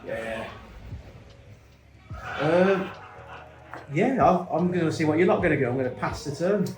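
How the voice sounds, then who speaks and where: A man's voice: on the high side, expressive, measured pace. A man playing a card game, joking and laughing with friends. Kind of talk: casual game banter. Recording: echoey room, music behind. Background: music.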